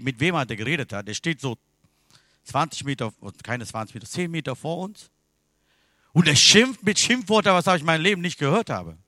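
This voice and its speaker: A man preaching a sermon in non-native German with grammar slips, swinging from loud, impassioned passages to hushed ones. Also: on the high side, no echo, clean studio sound. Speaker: pastor. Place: church service.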